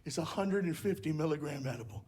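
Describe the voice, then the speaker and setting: A man doing stand-up comedy, telling stories with animated, shouted impressions. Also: fairly high pitch, fast talker. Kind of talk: stand-up storytelling.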